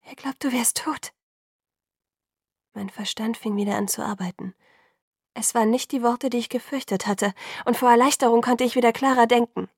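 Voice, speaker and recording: A woman narrating an audiobook in the first person, measured and sometimes hushed. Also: on the high side, steady tone, no room sound, clean studio sound.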